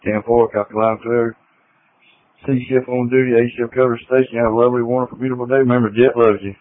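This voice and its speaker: A man's voice: medium pitch, level tone, fast, no echo. A man with a fire department making a radio check announcement over a two-way radio. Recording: tinny narrowband radio transmission.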